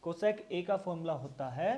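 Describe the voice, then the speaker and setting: A man's voice: a little high, animated, moderate pace, warm tone. A male maths teacher giving a classroom lesson, patiently repeating each step and asking questions aloud. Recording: very echoey room, mic far away.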